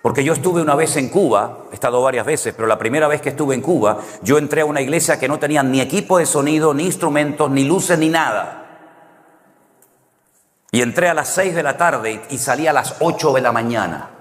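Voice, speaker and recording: A man's voice: mid-range voice, fairly quick. A man preaching a conversational sermon, full of anecdotes, who often closes a point with a questioning "no?". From Canary Islands, Spain. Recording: long hall reverb.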